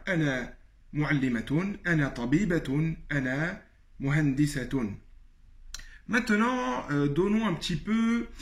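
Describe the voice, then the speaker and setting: A man giving a spoken language lesson, explaining calmly and repeating each phrase slowly with frequent pauses and hesitations. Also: fairly high pitch. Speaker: Arabic teacher.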